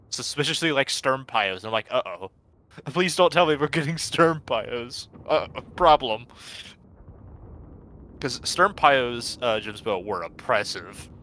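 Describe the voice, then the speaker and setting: A man in casual gaming chat with friends, talking in slang with animated, exaggerated reactions. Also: lowish voice. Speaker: gamer in a friendly match. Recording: faint background noise on voice chat.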